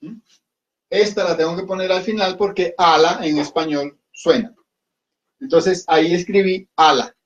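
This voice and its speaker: A man's voice: sits high, steady tone, unhurried. A man teaching a class at a whiteboard, patiently repeating himself and often checking that his students follow. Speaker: Hindi teacher. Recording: dull lo-fi recording.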